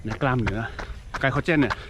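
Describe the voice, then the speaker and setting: A man's voice: medium pitch, quick pace. A man giving a casual explanation while running outdoors, speaking in short broken phrases. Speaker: running coach-style vlogger explaining training. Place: outdoors, on the move. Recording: noisy outdoor recording with traffic and ambience.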